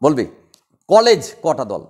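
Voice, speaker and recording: A man teaching a class, drilling students with quick repeated questions. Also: fairly high pitch, sing-song, crowd noise. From West Bengal. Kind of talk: classroom lecture.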